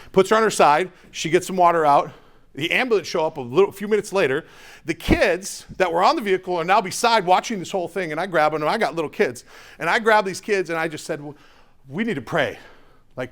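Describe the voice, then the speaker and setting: A man giving an energetic motivational talk to a live audience, telling a personal story with quick asides to the crowd. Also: on the high side. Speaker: motivational speaker.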